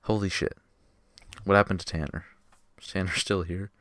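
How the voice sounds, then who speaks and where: A young man hosting a casual podcast, excitable and joking, swearing freely as he argues with a friend. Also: sits low, moderate pace, no room sound, clean studio sound. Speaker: podcast host. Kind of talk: casual argumentative chat.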